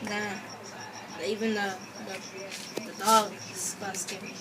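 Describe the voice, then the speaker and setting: Slow, halting female interviewee, very noisy. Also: mid-range voice, little pitch movement. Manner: halting, filler-heavy. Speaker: interviewee in a mock newscast. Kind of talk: hesitant casual interview answers. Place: outdoor backyard. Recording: very noisy home recording.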